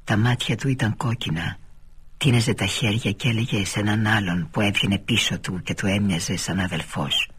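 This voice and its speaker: A man reading a novel aloud for radio in a measured, deliberate storytelling manner, with a husky voice. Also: fairly low pitch, steady tone, fairly bright tone. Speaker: reader of a novel. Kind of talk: literary audiobook narration.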